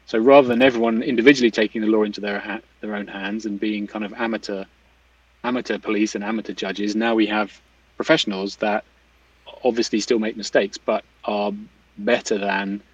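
Distant, dull-sounding man, halting explainer. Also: on the low side, fairly even intonation, slightly rough, dry recording. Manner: halting, thoughtful, often restarts and rephrases. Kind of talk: casual explanatory discussion. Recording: distant mic, slightly dull, dry sound.

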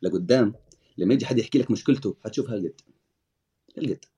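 Husky, fast-talking man. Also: lowish voice, mellow. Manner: coaching, direct, addresses listener. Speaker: motivational speaker guest. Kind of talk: casual chat.

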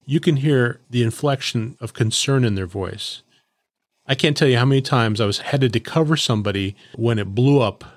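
A middle-aged man, a former police officer, telling a case story in a reflective, steady way on a podcast. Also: medium pitch, no echo. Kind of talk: podcast commentary.

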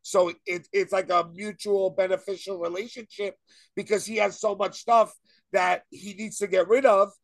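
A high-pitched man chatting on a podcast, rambling and excitable, quick to laugh and swear. His voice is recorded close and dry, with no room sound around it. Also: dry recording. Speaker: podcast co-host. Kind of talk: casual chat.

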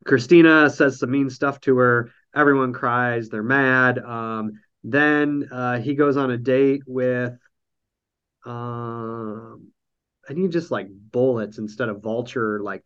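A man's voice: medium pitch, fairly even intonation, slow, clean tone, dull audio. A man with a nasal voice, hosting a casual podcast chat over an online call, rambling through a recap with lots of ums and dry jokes. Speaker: podcast host recapping a reality show.

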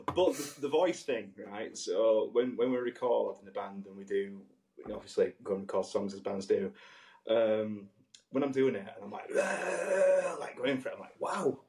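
A man's voice: fairly low pitch, moderate pace, mellow. A man with a thick West Yorkshire accent and a nasal voice, chatting casually with sweary, joking banter. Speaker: podcast co-host, band musician. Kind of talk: casual chat.

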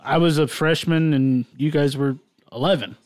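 Higher-voiced man, thirty, chiming in. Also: normal speed, darkish tone, no room sound. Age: 30s. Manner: short agreeing interjections. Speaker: podcast co-host. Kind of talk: casual chat.

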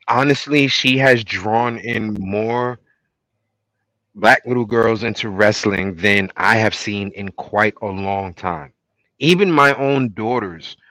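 A man's voice: mid-range voice, fairly bright tone, no room sound, low-quality recording. A middle-aged man hosting a podcast in casual talk, emphatic and repeating phrases, with some swearing. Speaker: podcast host.

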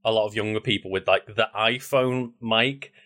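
A man co-hosting a podcast in a relaxed, rambling way, with a lowish voice. He fills his talk with "like" and swears casually. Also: normal speed. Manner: rambling, many filler likes, relaxed swearing. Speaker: podcast co-host. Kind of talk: casual chat.

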